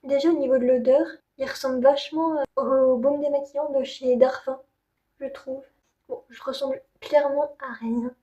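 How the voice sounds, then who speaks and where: A woman with a Parisian French accent speaks in a high, mellow voice. She talks like a beauty vlogger demonstrating a product, in a colloquial, candid way that stays informal. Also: steady tone, normal speed, dull audio. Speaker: beauty vlogger reviewing skincare. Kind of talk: casual product demo chat.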